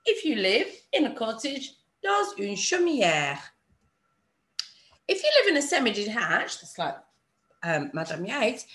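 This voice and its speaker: A woman teaching an online French lesson, patiently modelling phrases slowly for learners to repeat. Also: high voice, a bit bright. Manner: patient, encouraging teacher talk. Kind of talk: online language lesson with screen share.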